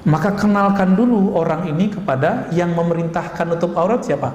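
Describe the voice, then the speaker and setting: A man preaching a lively sermon and asking the audience questions, now and then acting out scolding voices. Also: sits high, a little fast, lo-fi sound. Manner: animated, acts out scolding voices, laughs. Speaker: Islamic preacher. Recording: echoey hall recording with ambience.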